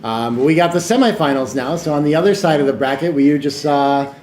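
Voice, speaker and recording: A man doing casual, joking commentary on a live tournament stream. His remarks often trail off into quieter asides. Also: on the high side, brisk. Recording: echoey room with some background noise.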